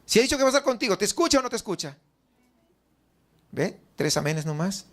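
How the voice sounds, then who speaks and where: High-voiced Mexican pastor preaching. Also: male voice, big pitch swings, quick pace. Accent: Mexican Spanish. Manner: asks the congregation many rhetorical questions; acts out the doubts of the faithful in a raised voice. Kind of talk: sermon. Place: church.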